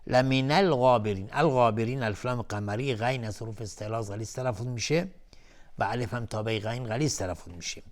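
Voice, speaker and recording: A man hosting a televised Quran recitation lesson, chanting each verse slowly and melodically, then calmly explaining the recitation rules word by word. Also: medium pitch. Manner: calm, methodical, repeats each word while explaining. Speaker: Quran recitation teacher and host.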